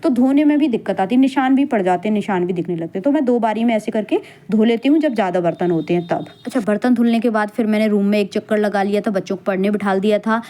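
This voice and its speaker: A woman's voice: mid-range voice, quick pace, hardly any pauses, warm tone. A woman in her thirties, a working mother and vlogger, talking casually and earnestly to viewers with many fillers as she gives advice. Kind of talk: casual voice-over chat with viewers.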